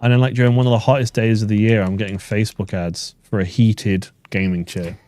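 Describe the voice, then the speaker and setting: A man talks loosely while playing on a livestream, chuckling between thoughts. His voice sits a little low and the sound is close and dry, with no room around it. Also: fairly quick, no echo. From England. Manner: relaxed, laughs easily. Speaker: stream co-host. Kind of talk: casual chat while gaming.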